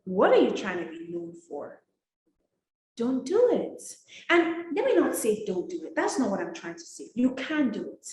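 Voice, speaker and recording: A woman from Nigeria coaching on etiquette in an emphatic, direct way. Her pitch sits fairly high and swings a lot. The room around her rings with echo. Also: normal speed. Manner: emphatic, direct, scolding and lively. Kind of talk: motivational masterclass talk. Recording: roomy echo.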